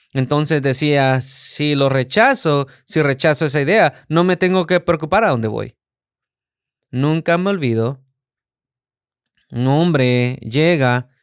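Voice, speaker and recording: A man preaches a sermon from his own life, his voice fairly high and smooth, with a resonant ring to it. He tells the story in an animated way and acts out the quotes. The sound is close and dry. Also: no echo. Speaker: pastor. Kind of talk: sermon with personal testimony. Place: church.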